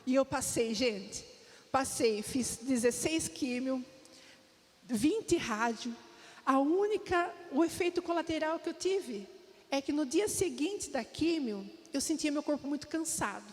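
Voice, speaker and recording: A woman's voice: high-pitched, lively intonation, a little slow. A woman with a Brazilian Portuguese accent giving a heartfelt personal testimony to a church congregation, often speaking straight to her listeners. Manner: heartfelt, storytelling, often addresses the listeners directly. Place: church hall. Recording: long reverb of a church hall.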